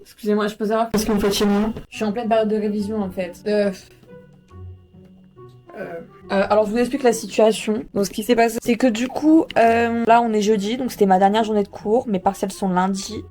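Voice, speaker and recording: A woman's voice: medium pitch, fairly even intonation, a little fast, dark tone, faint music behind. A young woman student chatting casually in a vlog, self-mocking and swearing often, recorded in her bedroom. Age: young adult. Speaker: student vlogger. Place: bedroom at home.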